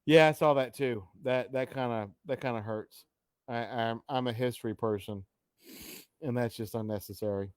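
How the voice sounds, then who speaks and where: A man's voice: mid-range voice, steady tone, normal speed, clean tone, dry recording, clean studio sound. A middle-aged man co-hosting a casual live-stream chat, joking and exclaiming often with trailing asides.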